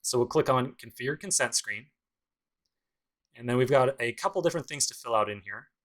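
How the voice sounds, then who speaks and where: A man's voice: mid-range voice, animated, brisk, fairly bright tone, rough recording. A man teaching a programming course in a casual screencast tutorial, talking through each step with dry sarcastic asides. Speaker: programming instructor.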